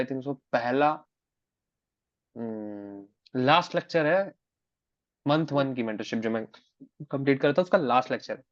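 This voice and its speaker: A man's voice: mid-range voice, no room sound, muffled recording. A man mentoring trading students in a live online class, repeating key phrases for emphasis and switching between two languages.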